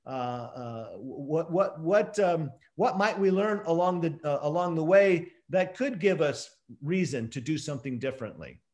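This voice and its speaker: Man, standard American accent, high voice, scholarly and emphatic, rhetorical questions, interview guest. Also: expressive, unhurried, few pauses, a little mellow. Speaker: professor and author, interview guest. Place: indoor room, video call.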